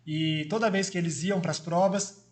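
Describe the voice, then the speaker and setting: Friendly brazilian guy in his 40s telling running stories, pretty high voice. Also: steady tone, moderate pace. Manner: friendly, storytelling with filler "é". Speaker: guest, former marathon runner. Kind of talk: casual interview storytelling.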